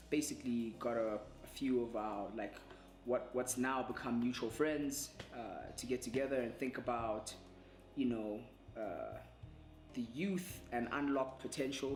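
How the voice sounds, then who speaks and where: A man's voice: mid-range voice, roomy sound. A man answering interview questions in a thoughtful way, with many fillers and restarts. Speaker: entrepreneur and attorney.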